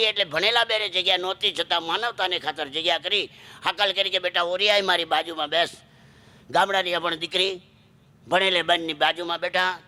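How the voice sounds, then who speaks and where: A woman's voice: lowish voice, sharp tone. A woman folk storyteller, giving an emotional, dramatic dayro storytelling performance.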